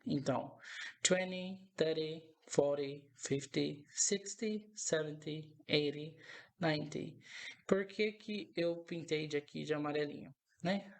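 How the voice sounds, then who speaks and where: Gravelly-voiced male English teacher. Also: a little high, slow pace. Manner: patient, repeats each example several times; explains step by step, often checks in with "né?". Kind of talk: recorded language lesson.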